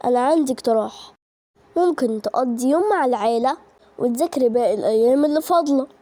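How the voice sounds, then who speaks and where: A woman voices a strict male schoolteacher from a cartoon storybook, speaking in a lowered, firm Egyptian voice that lectures his students. The sound is close and dry. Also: fast talker, mellow, dry recording, natural voice. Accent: Egyptian Arabic.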